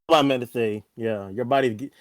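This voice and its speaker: A man co-hosting a sports podcast, talking casually and restarting his sentences. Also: medium pitch. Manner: halting, restarts often. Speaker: podcast co-host.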